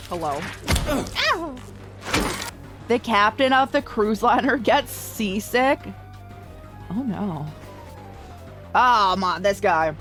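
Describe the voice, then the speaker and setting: A woman streaming a game, chatting casually and reacting loudly with frequent laughs, her voice slightly hoarse. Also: a little high. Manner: animated, reactive, laughs often. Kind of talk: casual live-stream commentary. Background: faint game music.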